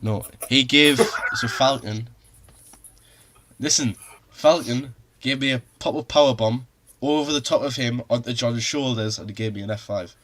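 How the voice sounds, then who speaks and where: A man's voice: medium pitch, moderate pace, a bit bright, slight background noise. A man with a Geordie accent, a semi-pro wrestler, talking earnestly in casual chat with many restarts. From Newcastle upon Tyne, England.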